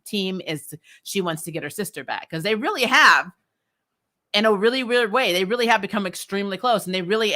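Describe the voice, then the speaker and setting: A woman with a fairly low, bright, forceful voice does casual, opinionated recap-vlog commentary. She sounds sarcastic and exasperated, talks in slang with some swearing, and mockingly acts out the characters' lines.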